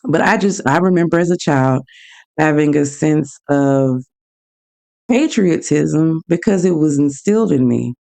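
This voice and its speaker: A woman hosting her own show, telling personal stories in a frank, animated way and acting out both sides of each exchange. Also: deep voice, a little slow, vocal fry. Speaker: podcast host. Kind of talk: casual personal storytelling.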